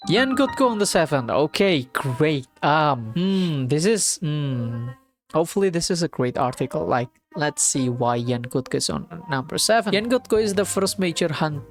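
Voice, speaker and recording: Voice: medium pitch, animated, moderate pace, soft background music. A gaming YouTuber chatting casually, thinking aloud and correcting themself while reading an article aloud. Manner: thinking aloud, self-correcting, unsure of word pronunciation.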